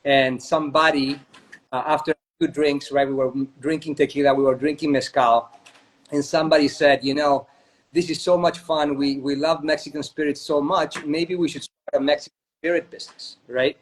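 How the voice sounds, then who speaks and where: A Chilean man who co-founded a spirits company tells a long story during a casual video-call interview, chatting away and frequently tacking on "right?" to check in. His voice is slightly high, with a steady tone and moderate pace, and the recording is rough.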